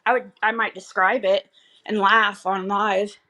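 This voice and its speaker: A woman's voice: medium pitch, little pitch movement, unhurried, sharp tone. A woman chatting casually and bluntly to viewers on a livestream, rambling in a gossipy, sweary way.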